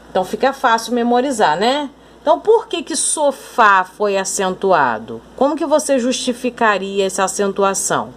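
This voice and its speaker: A woman with a Brazilian Portuguese accent teaches a recorded lesson at an unhurried pace. She explains deliberately, often pausing to point something out. Her voice sits in an ordinary middle range over a light background hiss. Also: medium pitch.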